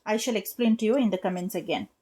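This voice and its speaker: A young woman teaching an English literature lesson, explaining slowly and patiently and stopping to spell out each point for her students. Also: medium pitch, mellow, slightly rough. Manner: slow, patient, spells out rhyme letters and claps rhythm.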